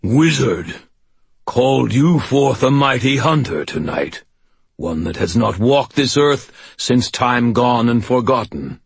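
Man doing a menacing ancient hunter-king, raised and strange-sounding, husky edge, dry close sound. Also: mid-range voice, sing-song, no echo, pitched above the performer's own voice, exaggerated voice. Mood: commanding. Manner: haughty, slow and threatening.

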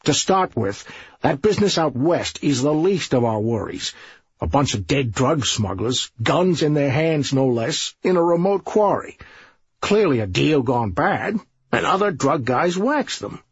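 A man's voice: on the high side, very animated, vocal fry, slightly rough, dry recording, dull audio, voice pushed up, full character voice. A man voicing a scheming, bossy middle-aged police sergeant who waves off every worry. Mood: commanding. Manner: brisk, bossy, dismissive.

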